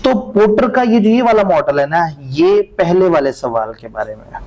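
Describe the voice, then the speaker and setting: A man's voice: high-pitched, lively intonation, normal speed, a little mellow, poor audio. A man giving a classroom lecture, talking it through conversationally and posing questions he then answers himself. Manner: conversational, asks rhetorical questions and answers them.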